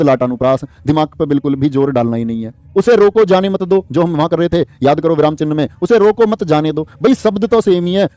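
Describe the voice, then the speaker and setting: A man's voice: fairly high pitch, warm tone, dry recording. A man teaches grammar in a live online class, quizzing his students and reading out their comments. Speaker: Hindi exam-prep teacher.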